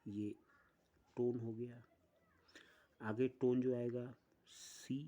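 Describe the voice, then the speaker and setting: Man, music teacher, slow deliberate pace, dark mellow tone, step-by-step explaining. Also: mid-range voice, little pitch movement. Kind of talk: online music lesson.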